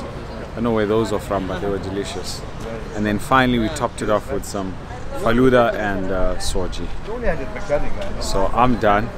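Man reviewing food outdoors. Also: on the low side. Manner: savouring, short appreciative phrases while eating. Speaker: food vlog host. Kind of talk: casual food review to camera. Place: outdoors in a parking lot. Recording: outdoor car park with chatter and traffic.

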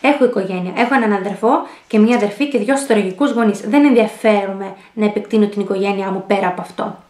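A woman's voice: medium pitch, darkish tone, close to an everyday voice. Woman voicing a cold rich young businessman, curt, clipped, echoey room.

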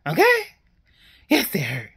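A woman's voice: mid-range voice, huge pitch swings, a little slow, creaky, a bit bright, breathy edge, no echo, clean studio sound. A woman, chatting casually to her viewers, laughing often as she talks. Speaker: vlogger, single mother. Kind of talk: casual chat to camera.

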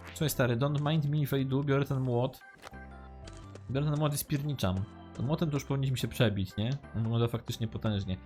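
Male let's-player, chatty and joking, middle pitch, faint game music under him. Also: darkish tone. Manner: chatty, joking, reads game lines aloud. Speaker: let's-play gamer. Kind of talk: casual gameplay commentary.

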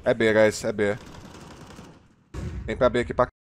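A man's voice: lowish voice, flat delivery, moderate pace, a little hiss or hum. A man with a Brazilian Portuguese accent, giving hyped, slang-filled live commentary as he plays a shooter and calls plays to his teammates. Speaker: gaming streamer.

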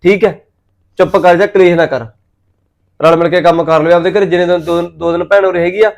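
An actor with a Punjabi accent playing a weary husband who defends his sister and tries to calm his wife. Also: sits high, quick pace. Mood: placating. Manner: weary, placating. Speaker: husband in a joint family. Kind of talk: short film acting.

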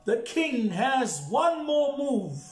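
A male pastor voicing an excited, insistent chess master in a sermon story. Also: very high voice, slow, distant mic, full character voice. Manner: urgent, insistent repetition. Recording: echoey church with faint music.

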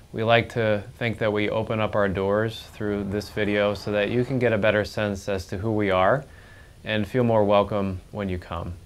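A man's voice: fairly low pitch, fairly bright tone, clean tone. A middle-aged male pastor giving an earnest welcoming introduction to his church, with some fillers and restarts, recorded on a lapel mic. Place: church office, then large church sanctuary.

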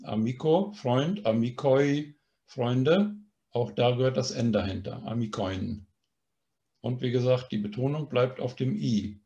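Unhurried and mellow, this mid-range male voice comes through dull audio in an online language lesson. He explains grammar with patience, regularly checking in with a questioning "ne?"

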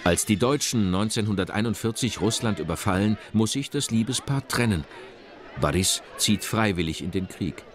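A man reading scripted documentary narration in a measured, expressive way. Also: lowish voice, a crowd in the background. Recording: narration over loud music.

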